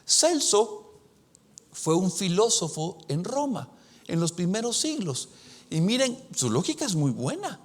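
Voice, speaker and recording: A man preaching a sermon in a church, slowing his words for emphasis and swinging between loud and soft delivery. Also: high voice, very animated. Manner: preaching with dramatic shifts in loudness; slows down for emphasis. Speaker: pastor.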